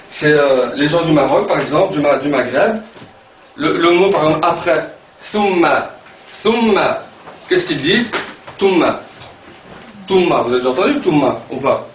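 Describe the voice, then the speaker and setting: A man teaching an Arabic pronunciation class, animated and repeating sounds aloud to demonstrate them. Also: a little high. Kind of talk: classroom lesson. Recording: echoey room from far off, background noise.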